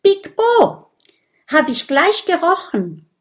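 Woman doing a squeaky excitable little creature. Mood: triumphant. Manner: eager, indignant, high and fast. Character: small excitable creature with keen nose.

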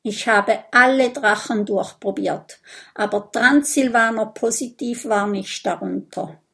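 A woman's voice: mid-range voice, unhurried, creaky, a bit bright. A woman voicing an anxious young vampire boy in an audiobook, in a raised, boyish voice. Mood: downcast. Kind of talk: audiobook character voice.

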